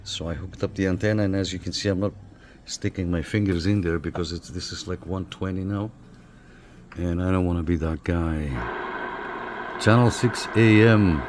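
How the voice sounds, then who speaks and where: Working hands-on, a man casually reviews something as a hobbyist, thinking aloud with hesitations and repeated phrases. His voice sits low and steady at a moderate pace, and background noise comes through clearly.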